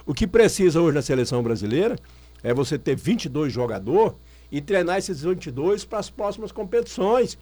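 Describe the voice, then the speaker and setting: Brazilian guy on a radio show, bit high voice, swings up and down a lot, pushy and repeats stuff. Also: very animated, moderate pace, warm tone. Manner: opinionated, emphatic, repeats himself. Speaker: radio guest. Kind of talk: casual radio chat.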